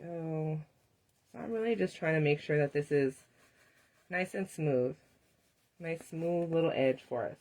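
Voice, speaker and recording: Woman, live craft tutorial host, slightly low pitch, chatty and talks to viewers. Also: measured pace, pauses often, darkish tone. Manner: chatty, laughs often, talks directly to viewers. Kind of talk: live craft demonstration chat.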